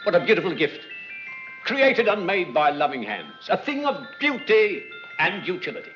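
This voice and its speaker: Casting: hustling auctioneer, higher-pitched and very lively, theatrical patter, vintage film. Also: male voice, normal speed. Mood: coaxing, hustling. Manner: theatrical sales patter, repetitive calls. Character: chatty, wheedling London auctioneer, male, hustling salesman. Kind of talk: 1940s film acting. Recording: muffled 1940s film soundtrack, music behind.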